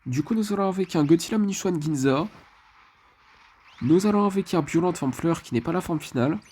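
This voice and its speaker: Chatty French-speaking gamer guy, mellow voice. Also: fairly high pitch, animated, a little fast, breathy edge. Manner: chatty, leans on filler phrases. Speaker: mobile game channel host. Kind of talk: casual gameplay commentary.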